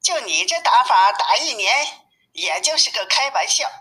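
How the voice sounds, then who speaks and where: A woman voicing a bold, brash male monkey king who talks loud and cocky in a storybook reading. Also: a little high, sing-song, moderate pace, pitched above the performer's own voice, poor audio.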